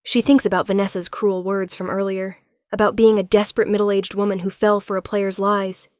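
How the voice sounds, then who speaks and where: A woman giving smooth, unhurried scripted narration of a romance story. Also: medium pitch, flat delivery, a little mellow, dry recording, clean studio sound.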